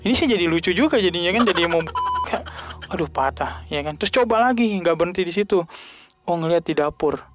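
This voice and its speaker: A young man giving an earnest, halting personal testimony as a podcast guest. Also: animated, very noisy. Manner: earnest, halting, pitch rising when emotional.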